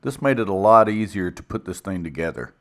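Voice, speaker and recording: With a low, expressive, brisk voice, a woodworking video maker casually describes his own build, speaking plainly in a folksy manner and poking fun at himself.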